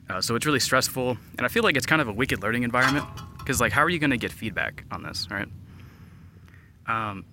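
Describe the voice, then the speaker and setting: A man's voice: mid-range voice, bright, forceful tone, slight background noise. A young man hosting a language learning podcast, explaining a study method in a casual, rambling way, full of fillers and "right?" tags. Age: young adult. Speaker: podcast host.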